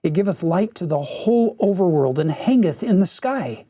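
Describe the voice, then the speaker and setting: A man's voice: high-pitched, expressive, moderate pace, dark tone, slightly rough, voice pushed up. A man reading aloud as a young prince who speaks in a cold, formal, old-fashioned way. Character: cold, polite young male prince, archaic speech.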